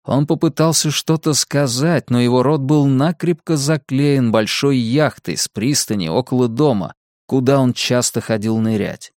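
A male narrator reading a dark thriller in a measured, tense way. His voice sits in a medium pitch. The recording is dry and intimate, close to the mic. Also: dry recording. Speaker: audiobook narrator.

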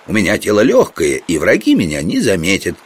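A man's voice: low-pitched, wildly swooping pitch, brisk, slightly rough, exaggerated voice. A man voicing a nimble young acrobat who talks in an eager, bragging way in a storybook reading.

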